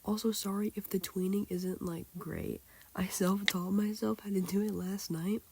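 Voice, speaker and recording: A sick teenage girl with a hoarse, childlike-sounding voice, rambling casually through a drawing tutorial with lots of fillers. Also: medium pitch, fairly even intonation, moderate pace, mellow. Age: teens. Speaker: tutorial maker. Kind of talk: casual screen-recorded tutorial.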